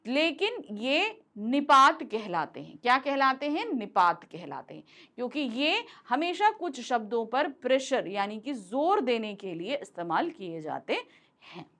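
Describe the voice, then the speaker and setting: Woman teacher, high bright voice, very animated pitch, Hindi lesson, mixes in English words, answers her own questions. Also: measured pace. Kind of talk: explaining a Hindi grammar lesson.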